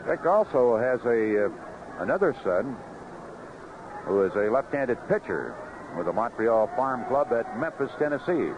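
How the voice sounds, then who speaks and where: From an open-air ballpark booth, this man does live radio play-by-play of baseball, turning conversational and folksy between calls. His medium-pitched voice swings widely in pitch and moves a little slowly. The sound is that of a dull, noisy vintage broadcast from the 1970s.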